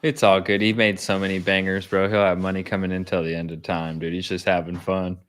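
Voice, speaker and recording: A man's voice: low voice, flat delivery, brisk, fairly bright tone, smooth. A man co-hosting a podcast in casual chat, laid-back and swearing. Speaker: podcast co-host.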